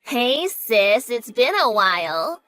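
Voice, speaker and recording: Brief: a woman voicing a defensive, scoffing younger sister in a drama story, fairly high voice over faint music. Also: big pitch swings, slow, sharp tone, full character voice. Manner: snarky, dismissive. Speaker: sister of the main character. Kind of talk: voice acting in a narrated drama story.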